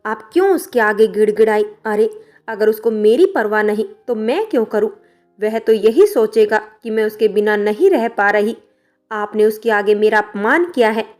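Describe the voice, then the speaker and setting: A woman voicing a headstrong young wife who shouts and argues defiantly. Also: mid-range voice, expressive, moderate pace, faint music behind, natural voice. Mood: furious.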